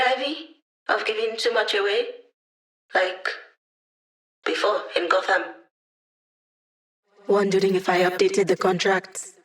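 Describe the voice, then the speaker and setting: A woman voicing a quick, cheeky young hacker in a video game, with playful, breezy, teasing banter. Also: medium pitch, close to an everyday voice. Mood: playful, confident. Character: quick, cheeky young female hacker, digital helper to a villain squad. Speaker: video game character giving mission support. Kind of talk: scripted video game voice lines.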